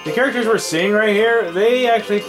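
A man's voice: sits high, fairly quick, music in the background. A tired young man hosting a casual let's play, rambling and trailing off with fillers as he comments on the game.

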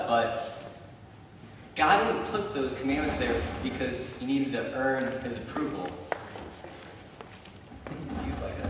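Captured from a distance in an echoey church hall, the recording is very noisy. A young man with a mid-range voice preaches in the sanctuary, giving a relaxed, talkative sermon packed with stories and frequent ums and likes.

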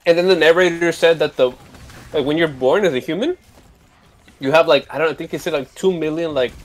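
A man's voice: a little high, fairly quick. A young man chatting casually with friends over a game, rambling and swearing, often tacking on "you know what I mean.". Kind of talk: casual chat.

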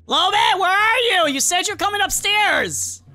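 Jumpy girl animatronic fox, voiced by a woman, lively and bright, always asking questions. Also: medium pitch, a little fast, soft background music. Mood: suspicious. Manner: exclamatory, questioning. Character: female animatronic fox, easily rattled. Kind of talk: comedic roleplay.

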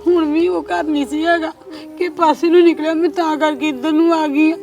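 An actor, a woman with a steady, darkish tone speaking a little fast, plays a distressed young married woman in a scripted drama. She cries and sobs, sounding despairing and subdued in a low delivery. The mic is distant, with faint music and slight background noise.

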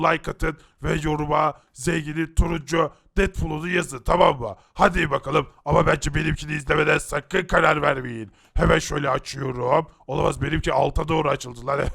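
A man's voice: a little high, gravelly, fairly bright tone, breathy edge, exaggerated voice. A man giving brash game commentary straight to his viewers. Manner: brash, addresses viewers directly. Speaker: co-host of a game video.

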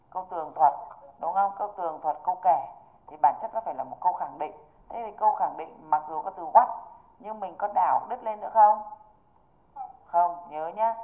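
Her voice sits a little low, coming through a narrow, tinny video-call connection. She's an English teacher leading an online exam review, patiently stopping often to confirm her students understand.

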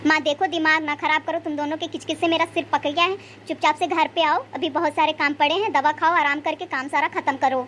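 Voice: sits high, fairly even intonation, fairly quick, few pauses, sharp tone, slight background noise. A performer drops their voice to play a harried grown son in a cartoon family drama, caught between his wife and mother. He talks in an impatient, scolding tone. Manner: exasperated, scolding. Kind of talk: cartoon voice acting.

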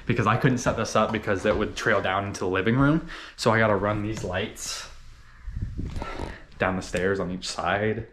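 A man's voice: lowish voice, fairly even intonation, normal speed, background noise. A young man talking in a casual vlog, nervous and earnest. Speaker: boyfriend.

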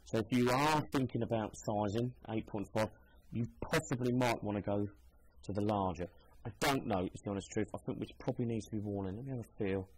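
A man's voice: on the low side, fairly quick, darkish tone, a little hiss or hum, poor audio. A man, a shoe seller giving a casual, chatty demonstration and thinking aloud as he goes. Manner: chatty, thinking aloud while trying on shoes.

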